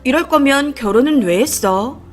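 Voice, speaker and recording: A woman's voice: high voice, animated, moderate pace, soft background music. A woman voicing a dismissive, defensive husband. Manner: dismissive, lecturing.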